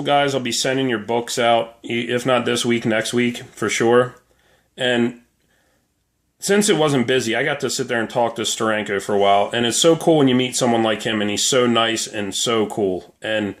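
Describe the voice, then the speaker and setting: Male vlogger, medium pitch, hungover and a touch ornery, conversational storyteller delivery. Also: a bit bright. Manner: conversational storytelling, acting out quoted dialogue. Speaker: vlogger, comic collector. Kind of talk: casual monologue to camera showing comic haul.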